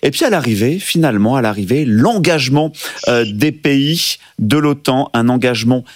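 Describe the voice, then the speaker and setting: Halting male talk show host. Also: mid-range voice, animated, no room sound, studio quality. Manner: halting, many fillers. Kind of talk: moderating a panel discussion.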